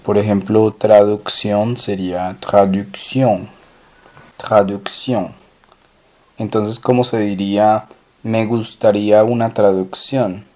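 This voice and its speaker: A man leads a recorded language lesson, asking questions and then repeating the answers with care. His delivery is very unhurried, with a mellow, dark tone and a voice sitting somewhat low. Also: steady tone. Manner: slow, deliberate drilling with repeated French phrases. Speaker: language teacher.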